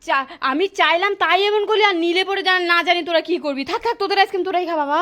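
A woman filming a casual family vlog, talking with her kids in an animated, playfully scolding way. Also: very high-pitched, very fast. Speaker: family vlogger and mother.

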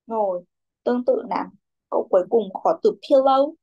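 A woman's voice: fairly high pitch, normal speed, gravelly, warm tone, muffled recording. A young woman teaching a children's English class, who calls on pupils by name, repeats their answers and mixes English words into her instructions.

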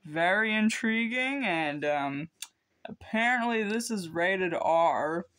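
Teen boy, unhurried unboxing chatter, hesitant and rambling. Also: sits high, lively intonation, pushed and bright, smooth. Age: teens. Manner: rambling, hesitant, many ums. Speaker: vlogger. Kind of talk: casual unboxing chat.

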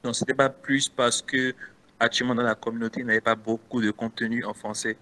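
A man's voice: medium pitch, little pitch movement, brisk, bright, forceful tone. A man with a Beninese French accent answering interview questions casually as a guest content creator, hesitant with many restarts.

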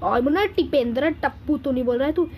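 Brief: a man voicing a squeaky, boastful cartoon cat gamer, rattling off commentary over loud game noise. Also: fast, low-quality recording. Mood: excited chatter. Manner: chattery, calls everyone brother, boastful. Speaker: gaming video host. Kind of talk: in-character gameplay commentary.

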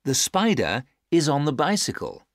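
A woman's voice: sits low, sing-song, normal speed, no echo, studio quality, exaggerated voice. A woman acting a patient adult giving simple instructions in careful, stilted textbook dialogue. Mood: patient, instructive. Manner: careful, over-clear instructing.

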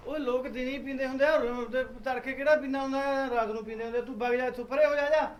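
A man's voice: extremely high pitch, steady tone, quick pace. A man playing a quarrelsome drunken village husband, speaking with a Punjabi accent. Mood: angry. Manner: loud, quarrelsome, slurring drunk. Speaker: drunk husband arguing with wife and mother.

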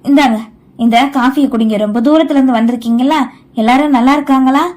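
A worried middle-aged aunt in an audio novel, anxious and pleading, as a woman reader plays her. The voice is high and bright. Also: fast, close to an everyday voice. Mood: kindly.

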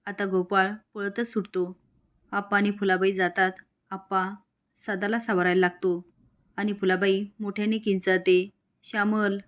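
A woman narrating a recap of a TV serial in a steady, matter-of-fact storytelling way. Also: mid-range voice, normal speed.

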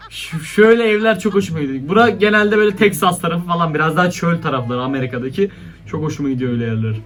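Young man, reaction commentary, laughing and exclaiming, bright tone, faint music behind. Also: on the high side. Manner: laughing, exclaiming, chatty slang. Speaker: YouTuber reacting to funny clips.

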